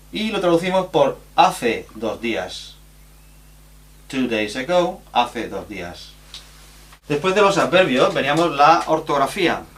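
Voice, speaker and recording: Explaining grammar rules at a slow pace, this man spells out letters and examples in a recorded lesson. His pitch is medium and his tone a bit bright.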